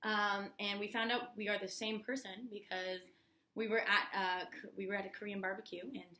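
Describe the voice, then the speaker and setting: A woman's voice: medium pitch, steady tone, normal speed, sharp tone. A young adult woman co-hosting a casual vlog, adding dry, teasing asides. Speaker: vlog co-host. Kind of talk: casual chat. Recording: echoey room.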